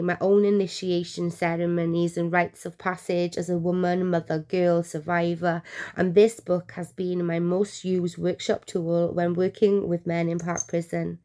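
A woman's voice: fairly low pitch, darkish tone. A woman poet reading a scripted, heartfelt introduction for a podcast. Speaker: podcast guest presenter, poet. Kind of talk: scripted narration.

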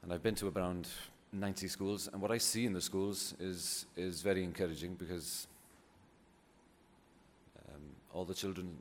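This is a low, fairly even male voice at normal speed: a Welsh poet, native in Welsh and Welsh-accented, giving a casual public talk off the cuff. He sounds thoughtful and somewhat hesitant, and the recording carries hall echo plus distinct background noise.

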